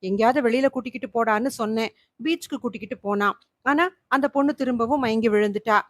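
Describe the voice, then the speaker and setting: A woman's voice: a little high, fast, dry recording, clean studio sound, close to an everyday voice. A woman voicing a confused, frightened housewife in a storybook reading. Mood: fearful. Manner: confused, fearful.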